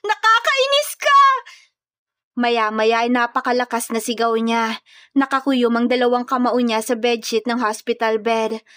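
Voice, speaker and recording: A female storyteller with a fairly high voice narrates a scripted romance drama. The recording is close and dry, with no room sound.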